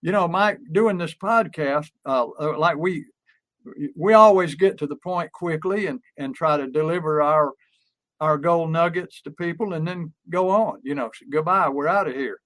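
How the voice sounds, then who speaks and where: A man's voice: a little high, moderate pace, a bit bright. Older man, emphatic storytelling. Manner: anecdotal storyteller with frequent restarts and fillers; emphatic, repeats key phrases. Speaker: podcast co-host and marketing coach. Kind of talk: casual podcast talk.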